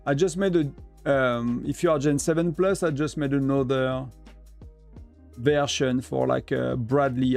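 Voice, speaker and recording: A male gaming streamer, French by first language and accent, rambles casually on a live game stream. His mid-range voice has vocal fry and a darkish tone, and his talk is packed with fillers and restarts.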